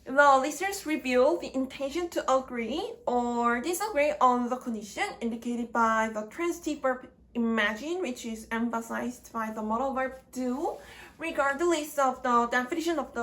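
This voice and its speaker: A woman teaching English grammar in a slow lecture, speaking in short, deliberate chunks. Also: a little high, a bit bright.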